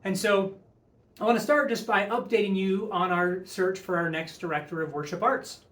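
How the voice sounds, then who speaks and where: Man, high-pitched voice, earnest and upbeat, church update speech, reverberant room. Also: steady tone, normal speed, fairly bright tone. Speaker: church leader giving congregation update. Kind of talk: public update speech to a congregation. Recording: echoey room.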